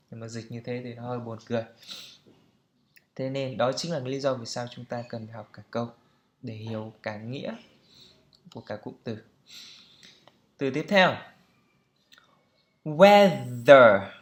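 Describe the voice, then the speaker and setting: A man teaching English pronunciation, repeating words and sentences many times and explaining in Vietnamese, his first language. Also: medium pitch. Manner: slow, repeats each word many times. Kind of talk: pronunciation lesson with drills.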